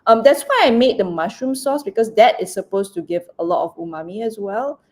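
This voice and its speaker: A woman's voice: medium pitch, brisk, darkish tone. Woman chef guest, chatty, trails off with um and yeah a lot, laughs easily. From Asia, Cantonese-speaking region. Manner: rambling, many fillers and restarts, bursts of laughter. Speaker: raw food chef and cookbook author, guest. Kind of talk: casual interview chat.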